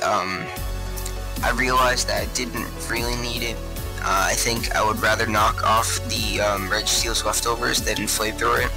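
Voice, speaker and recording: A man's voice: lowish voice, rough recording. A man with a congested, stuffy voice, casually explaining his competitive game team in rambling commentary full of fillers. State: congested from a cold.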